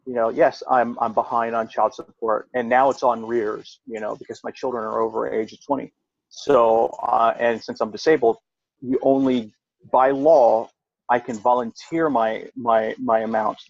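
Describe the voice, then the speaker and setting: A man's voice: medium pitch, flat delivery, normal speed, vocal fry, no echo. Rambling middle-aged man, dull lo-fi sound. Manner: rambling storytelling, rising sharply when quoting himself. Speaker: podcast co-host, veteran. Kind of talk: casual chat.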